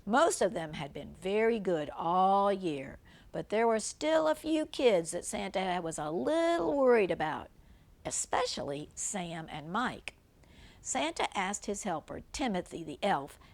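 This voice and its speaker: In a mid-range, sing-song voice that runs a little slow, an older woman reads a children's picture book aloud the way a grandmother would. She pauses now and then to point out things in the pictures in simple terms.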